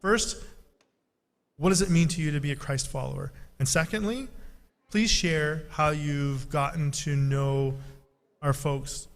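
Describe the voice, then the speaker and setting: A man's voice: fairly high pitch, unhurried. A man hosting a church interview, encouraging and repeating his words, often checking in with "right?". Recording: long echoey reverb.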